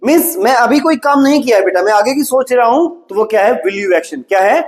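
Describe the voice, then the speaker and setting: A man's voice: very high-pitched, animated, fairly quick. A man with an Indian accent teaching English in a classroom, switching between Hindi and English and drilling students with questions and answers. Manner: encouraging, calls students "beta".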